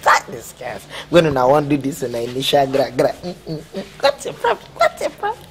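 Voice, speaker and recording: A man's voice: mid-range voice, wildly swooping pitch, a little fast, a bit bright, a little hiss or hum. An actor with a Nigerian accent playing a cheeky, lovestruck young male student who begs a girl to date him in rambling pidgin. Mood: pleading. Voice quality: pleading, playful, rambling. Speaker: student suitor. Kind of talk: comic film acting.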